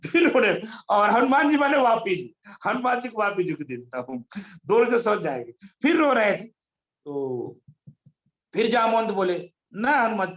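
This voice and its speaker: A man giving an animated motivational talk over a video call, telling stories and calling on listeners by name. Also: high-pitched. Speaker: motivational speaker.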